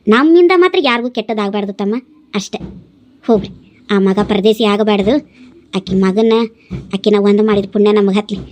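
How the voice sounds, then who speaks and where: A woman voicing women in a dubbed cartoon story, calm and advising. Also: mid-range voice, moderate pace, long pauses, slight background noise.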